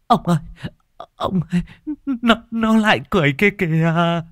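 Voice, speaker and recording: A man's voice: high-pitched, moderate pace, dry recording, voice pushed up, natural voice. A man voicing a terrified middle-aged wife and mother who stammers and pleads.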